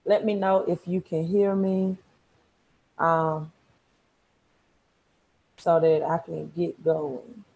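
Woman, Mississippi Southern accent, slightly low voice, informal live-stream coach, emphatic repetition, earphone mic at home. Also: level tone, slow pace, gravelly, long pauses, warm tone, lo-fi sound. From Mississippi, United States. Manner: repeats words for emphasis, checks in with "right?". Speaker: credit repair coach. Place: small room at home, indoors.

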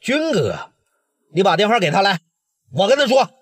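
Man doing Northeastern big brother, husky, stern and protective. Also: normal speed, in a large hall. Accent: Northeastern Mandarin. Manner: low and steady, turning fierce. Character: respected gang leader, adult male, protective, hot-tempered.

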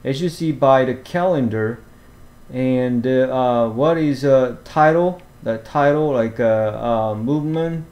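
A man walking through fishing apps over a screen recording, talking haltingly with many fillers and restarts. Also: mid-range voice, a little mellow, highs cut off. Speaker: fishing vlogger. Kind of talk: screen-share app walkthrough.

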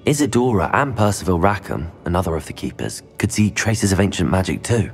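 A level-headed young wizard hero in a fantasy game. He talks in a measured, formal way, on the low side yet with lively intonation. Soft music runs underneath. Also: gravelly. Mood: composed, earnest. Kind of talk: dramatic video game acting. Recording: music behind the voice.

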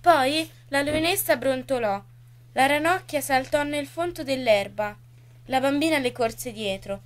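A woman with a high, light voice reads a storybook in the first person. She takes her time, with gentle, unhurried pauses. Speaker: reader on a radio poetry program. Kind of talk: storybook reading.

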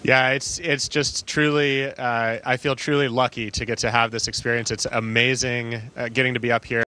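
A man in his thirties, an astronaut answering interview questions in a halting, conversational way into a handheld mic. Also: medium pitch, little pitch movement, pushed and bright, no echo. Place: small, equipment-packed space station module. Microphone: handheld microphone.

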